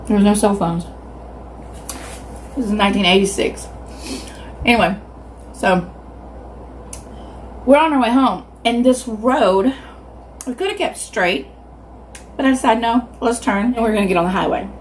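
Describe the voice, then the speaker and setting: A middle-aged woman with a Southern US accent tells stories casually while chewing her food. She is animated and acts out reactions, speaking at a medium pitch. There is clear noise in the background. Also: a little slow, pauses often. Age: 50s. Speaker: mukbang video host. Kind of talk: casual storytelling to viewers.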